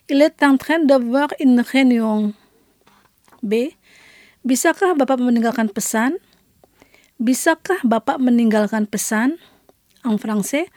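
A woman presents a radio language lesson at a very unhurried pace, repeating each phrase twice before giving its translation. Her voice is mellow and set a little high. The sound is close and dry, like a studio microphone. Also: no echo. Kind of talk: slow scripted language lesson.

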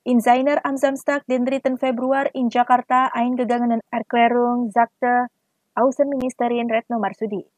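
Woman, news voice-over, slightly high voice, dry close sound, formal even read. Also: moderate pace, dry recording. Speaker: news reader.

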